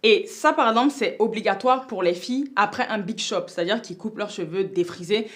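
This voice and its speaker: Woman, vlogger, casual tutorial, middle pitch, emphatic, chatty, fillers and restarts. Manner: emphatic and lively, stressing key advice. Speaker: beauty vlogger.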